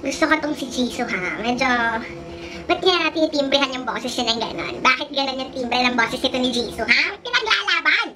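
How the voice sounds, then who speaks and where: A young Filipino woman with a Filipino accent reacting to a music video, excitable and squealing. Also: high-pitched, fairly quick. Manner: excitable, squealing, mixing Tagalog and English slang. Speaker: YouTuber. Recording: music playing loudly behind. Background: loud music from the video.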